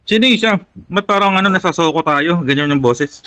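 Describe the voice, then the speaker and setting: A man talking through a deep pitch-shifting voice changer, joking casually while playing a mobile game on voice chat. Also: animated, brisk, pushed and bright, no room sound.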